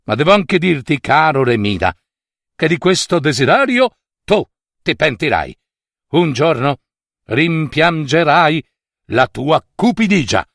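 A man's voice: on the high side, sing-song, vocal fry, a bit bright, no room sound, studio quality, heavily acted. Man doing a solemn, grave god. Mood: grave warning. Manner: grave, measured, warning tone. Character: solemn mighty male god granting a wish.

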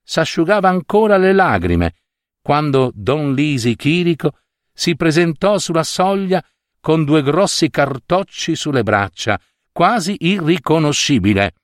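A man reading a literary short story aloud in an expressive, theatrical way. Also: a little high, a little slow, dry recording, clean studio sound. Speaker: narrator.

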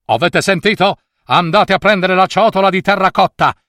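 A man's voice: sits high, normal speed, a bit bright, no echo, studio quality, pitched above the performer's own voice. A man voicing an impatient, bossy elf king who barks orders in a storybook tale. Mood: commanding. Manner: commanding, barking orders.

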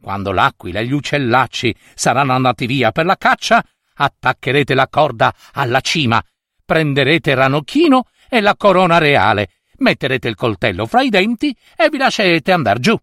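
A man voicing a wise, cunning old woman in a storybook tale, giving firm, slow instructions. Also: mid-range voice, big pitch swings, fairly bright tone, no room sound, studio quality. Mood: instructing.

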